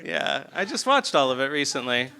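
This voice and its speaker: A man's voice: mid-range voice, sing-song, normal speed, pushed and bright, slight background noise. A man hosting a live comedy game show on a theatre stage, joking and laughing between rounds. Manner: joking, laughs often, loose and chatty.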